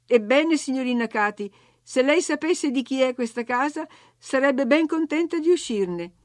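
A woman's voice: fairly high pitch, moderate pace, darkish tone, close to an everyday voice. A woman voicing a firm housekeeper who scolds and soothes a young girl, in a storybook reading. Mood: reproving. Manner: reproving, firm. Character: stern but kindly female housekeeper, scolding.

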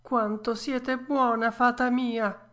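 A woman voicing a wooden puppet boy, impulsive and emotional, with a high childlike voice. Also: flat delivery, slow pace, a bit bright. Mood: excited.

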